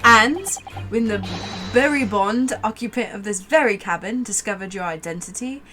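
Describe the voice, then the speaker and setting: A woman's voice: medium pitch, moderate pace, pushed and bright, faint music behind, natural voice. A woman reading a pompous eccentric detective. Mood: grandiose. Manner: grandiose, theatrical, old-fashioned phrasing. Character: pompous eccentric male detective, self-assured.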